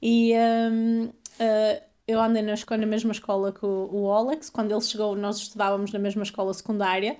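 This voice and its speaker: A woman's voice: medium pitch, little pitch movement, brisk, a little mellow. A woman from Portugal with a European Portuguese accent, a deaconess telling her story in a chatty way as an interview guest. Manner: chatty storyteller, laughs easily. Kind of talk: casual interview.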